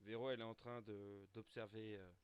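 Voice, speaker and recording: A man's voice: lowish voice, brisk, clean tone, dry recording. A man playing a tabletop role-playing game, cracking crude jokes and bantering with the others. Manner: joking, crude banter, lively swings. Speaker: player. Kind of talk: casual tabletop role-play.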